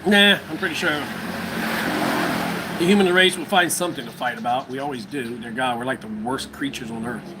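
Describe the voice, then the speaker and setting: A man's voice: mid-range voice, moderate pace, heavy background noise. An American man hosting a casual livestream, rambling and musing aloud to his viewers from home. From United States. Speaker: livestream host.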